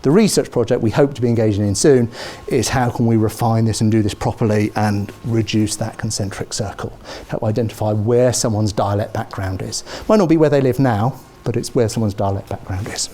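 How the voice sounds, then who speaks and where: A medium-pitched, middle-aged man from Britain teaches a university class with animation, regularly asking "okay?" and "yeah?". He speaks British English, and the recording comes from a lapel mic in a large lecture theatre.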